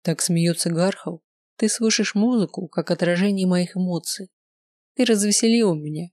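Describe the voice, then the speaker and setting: A woman voicing a calm, commanding male otherworldly creature who speaks slowly in flat, even tones. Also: lowish voice, dry recording, clean studio sound, lightly acted.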